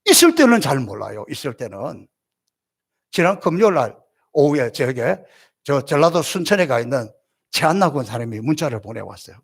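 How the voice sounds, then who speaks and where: A middle-aged male pastor preaching a passionate sermon, swinging from loud cries to soft, gentle murmurs. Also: medium pitch, big pitch swings, normal speed, gravelly, slightly rough. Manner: acts out God's reassuring words gently.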